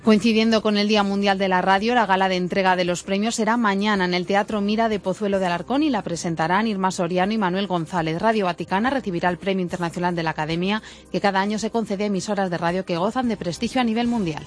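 A woman co-anchoring a radio news program with crisp, formal newsreading. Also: medium pitch, steady tone, quick pace.

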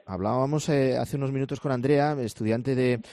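A man's voice: medium pitch, brisk, warm tone. A man hosting a midday radio news show, interviewing and presenting headlines. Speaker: radio host.

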